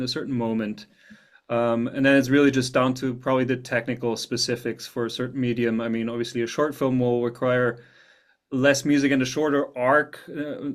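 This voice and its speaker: German-raised man, flat measured delivery. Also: medium pitch. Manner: thoughtful, repeats words while searching for phrasing. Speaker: film composer. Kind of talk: interview answers.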